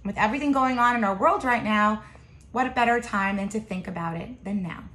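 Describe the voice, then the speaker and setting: A woman in her thirties with a medium-pitched, fairly bright voice reads a picture book aloud to young children, a little fast and full of expression. She adds simple explanatory asides. The sound is roomy and echoey, recorded in a home kitchen.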